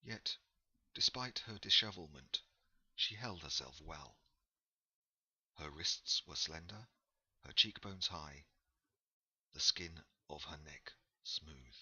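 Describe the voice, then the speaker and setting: Very deep, slow male narrator. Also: lively intonation, pushed and bright, slightly rough, highs cut off. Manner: measured, unhurried storytelling. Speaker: audiobook narrator. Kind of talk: scripted narration.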